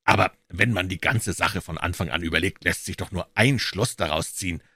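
Ein Mann spricht einen ungeduldigen Detektiv, tief. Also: male voice, sits low, sharp tone, breathy edge, dry recording, clean studio sound, full character voice. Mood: explaining. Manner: explaining, brisk. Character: brilliant male detective, impatient and confident.

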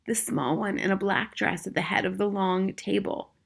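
A woman reading a story, playing a calm, sly, matter-of-fact old Norwegian grandmother. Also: medium pitch, moderate pace, gravelly, husky. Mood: sly, composed.

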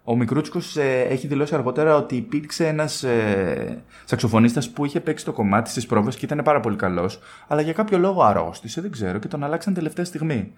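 A man's voice: mid-range voice, lively intonation, few pauses. A man co-hosting a casual podcast chat, playful and teasing as he tells stories. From Greece. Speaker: podcast co-host.

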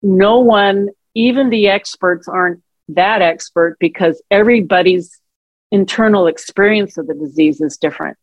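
A woman's voice: medium pitch, normal speed, dry recording, highs cut off. Reflective woman telling caregiving stories. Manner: reflective, acts out quoted dialogue with warmth. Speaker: guest, author and caregiver. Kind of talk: conversational interview storytelling.

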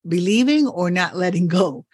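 Low-voiced woman hosting a reflective podcast. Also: expressive, normal speed, husky. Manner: thoughtful, warm and encouraging, laughs often. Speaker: podcast host and coach.

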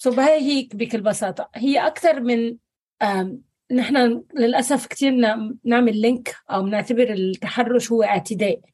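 A woman psychologist with a Levantine Arabic accent answering interview questions thoughtfully, pausing on fillers and slipping in English words. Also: a little high, a little mellow, slightly rough. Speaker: psychologist guest.

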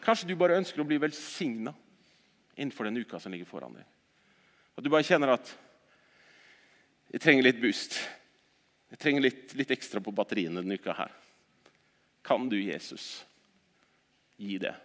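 A man preaching a sermon at a church service, swinging between loud exhortation and quiet earnest talk, often repeating words as he restarts sentences. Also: medium pitch, expressive, pauses often, long reverb tail.

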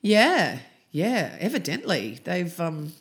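A woman's voice: fairly low pitch, sing-song, slow. An Australian woman co-hosting a casual music podcast, chatty and well-spoken. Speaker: podcast co-host. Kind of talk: casual chat about 80s and 90s music.

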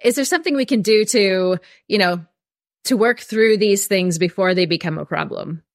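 A woman's voice: medium pitch, moderate pace, no echo, studio quality. A woman hosting a podcast interview, asking her guest questions in a conversational way. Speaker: podcast host.

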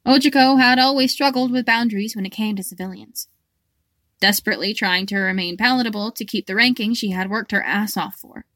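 A woman's voice: mid-range voice, fairly quick, fairly bright tone, dry recording, studio quality. Woman narrating a fan fiction audiobook.

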